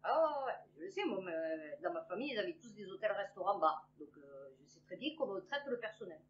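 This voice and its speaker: A woman's voice: medium pitch, big pitch swings, fairly quick, slight background noise. A woman in her fifties reads news headlines and comments on them in a rambling, sarcastic way, with many fillers. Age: 50s. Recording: dull lo-fi recording.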